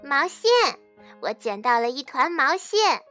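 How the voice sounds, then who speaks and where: A woman voicing an eager, cheerful little mouse in a children's storybook, with a squeaky and bouncy delivery. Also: very animated, measured pace, sharp tone, soft background music, exaggerated voice. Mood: pleased.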